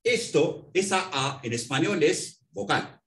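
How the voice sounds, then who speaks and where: A man teaching a language in an interview, patiently explaining and spelling out words slowly. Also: on the high side, animated, a bit bright, roomy sound. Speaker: Arabic language instructor.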